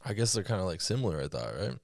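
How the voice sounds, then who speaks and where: A man hosting a podcast, chatting casually in a relaxed, playful way and laughing easily. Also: lowish voice, rapid-fire, vocal fry, dry recording, studio quality. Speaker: podcast host.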